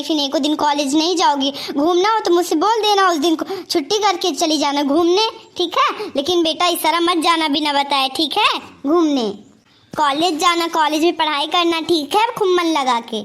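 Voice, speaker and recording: A woman's voice: high-pitched, fairly bright tone. Woman voicing a fussy doting mother. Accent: Awadhi-tinged Hindi. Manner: fussy and nagging, keeps asking "theek hai?". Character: doting, gullible middle-aged mother with favoritism. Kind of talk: cartoon comedy voice acting.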